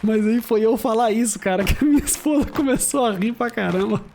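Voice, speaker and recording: A man's voice: high voice, fairly quick, vocal fry, darkish tone, slight background noise. Chatty laughing man streaming a game. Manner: chatty, laughing, slangy storytelling. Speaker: gaming streamer. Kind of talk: casual let's-play commentary. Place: home.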